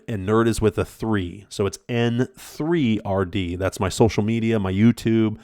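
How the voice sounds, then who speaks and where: A man's voice: fairly low pitch, a little mellow, smooth, dry recording, clean studio sound. A man hosting his own podcast, talking through a book in an earnest, rambling way with lots of fillers and restarts. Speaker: podcast host. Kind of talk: reflective solo book talk.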